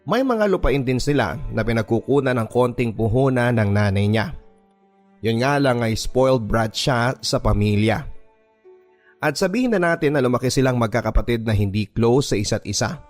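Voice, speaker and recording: A man with a Filipino accent reads a first-person story as dramatic, scripted radio-drama narration. His mid-range voice has lively intonation and moves at a normal speed. Background music runs as a bed beneath his voice.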